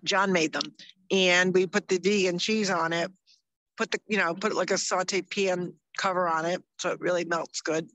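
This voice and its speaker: A woman's voice: on the low side, steady tone, normal speed, a bit bright, dry recording, poor audio. A woman co-hosting a casual podcast chat, upbeat and chatty, often losing her train of thought. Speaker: co-host. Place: outdoors in the mountains.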